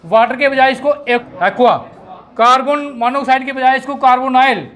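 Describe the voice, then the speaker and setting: A man teaches chemistry in a classroom. He drills the students, fires off quick rhetorical questions and spells terms out letter by letter. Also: very high-pitched, fairly even intonation, fairly bright tone. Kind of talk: classroom lecture.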